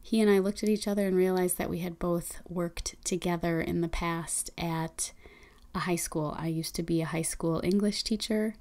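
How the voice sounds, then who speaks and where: A woman hosting a podcast, reading listener reviews and introducing the guest in a friendly, unhurried way with occasional ums. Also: on the low side, fairly even intonation, darkish tone. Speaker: podcast host.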